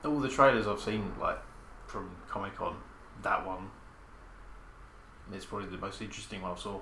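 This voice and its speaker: A man's voice: sits low, moderate pace. A man co-hosting a podcast, laid-back, chiming in with short comments. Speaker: podcast co-host. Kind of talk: casual chat about films. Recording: roomy echo from off-mic, faint hiss.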